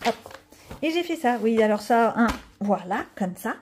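Chatty woman, mellow voice. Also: fairly high pitch, expressive, normal speed, a little hiss or hum. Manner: chatty, rambling, lots of filler and asides to viewers. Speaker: coloring vlogger. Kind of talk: casual chat showing coloring pages.

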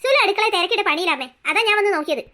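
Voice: very high-pitched, expressive, racing, sharp tone, full character voice. A voice actor playing a harried adult son in a cartoon story, who answers his mother impatiently. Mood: exasperated. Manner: exasperated, dismissive.

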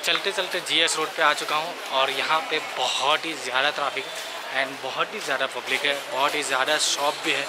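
A man's voice: fairly high pitch, steady tone, a little fast. A young man, chatting to viewers in a casual travel vlog, filmed at arm's length outdoors. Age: young adult. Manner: chatty, addresses viewers as bhai, mixes English phrases. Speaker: travel vlogger. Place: outdoors on rainy streets and forest paths. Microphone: handheld camera at arm's length. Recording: outdoor street noise.

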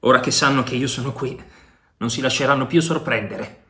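Fierce brooding pirate chief, a man voicing him, low and heavy, storybook adventure. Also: fairly even intonation, brisk, a bit bright, lightly acted. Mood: intense.

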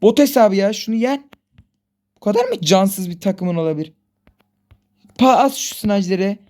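A woman's voice: medium pitch, expressive, measured pace, darkish tone. A woman hosting a gaming channel, giving live commentary on her own football match and pleading with and scolding her players aloud.

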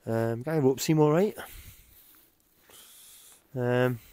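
A man, talking casually to camera from inside a small tent at night, relaxed and rambling with lots of ums. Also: medium pitch, very slow, clear, resonant tone, dry recording. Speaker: hiking vlogger. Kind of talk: casual vlog talk to camera. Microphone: camera held close while lying down.

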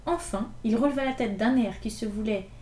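A woman reading a classic novel aloud in an expressive, lively storytelling manner. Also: on the high side, a little fast. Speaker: reader. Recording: echoey room with faint ambience.

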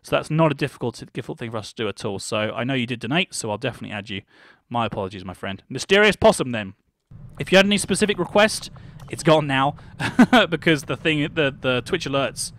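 A man's voice: medium pitch, expressive, quick pace, a bit bright, no room sound. A young British man streaming a video game, chatting with viewers, greeting them by name and thinking aloud as he plays. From United Kingdom. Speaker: livestreamer. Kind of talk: casual game livestream chat.

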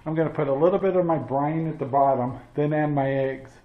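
An older man hosting a casual home cooking demonstration, speaking in an easygoing, halting way with chuckles, recorded in a home kitchen on a camera mic. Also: on the high side. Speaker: cooking channel host. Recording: roomy, slightly dull home audio.

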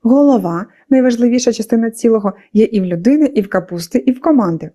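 Mellow-voiced woman teaching a school lesson. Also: on the high side, lively intonation, fast talker. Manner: patient explaining with questions to pupils. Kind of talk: scripted lesson narration for children.

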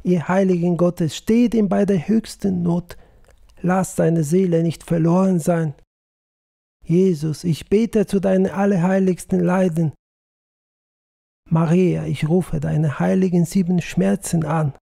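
A man's voice: a little high, a little slow, gravelly, warm tone, husky, voice pushed up, full character voice. A man reading an audiobook, voicing a devout grieving peasant wife who pleads in fervent prayer. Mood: fervent praying.

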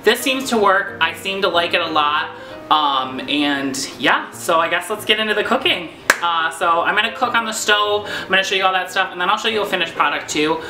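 A young New Yorker vlogs from his home kitchen about meal prep, rambling casually with many fillers and self-deprecating asides. His voice sits high, animated and brisk. A fixed camera at close range picks up an echoey kitchen with faint music.

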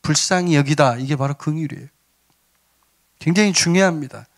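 A man's voice: fairly high pitch, a little fast. A man preaching a sermon as pastor, earnest, sometimes acting out pleas and scolding.

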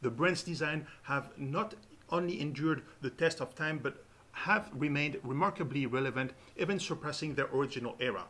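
A man in his thirties presents watch auction results to camera from a dark studio, earnest and pausing often with "uh" mid-phrase. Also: fairly high pitch. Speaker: host. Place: dark studio with shelves behind.

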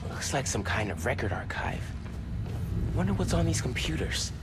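An actor playing a young superhero in a video game, earnest, eager and wisecracking in an informal, youthful way. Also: male voice, medium pitch, very animated, moderate pace, vocal fry, over loud music. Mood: curious, focused.

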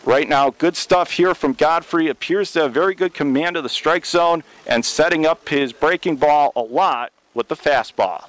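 The recording is rough as a young man gives steady, measured radio play-by-play of a college baseball game, his pitch rising sharply whenever a big play comes.

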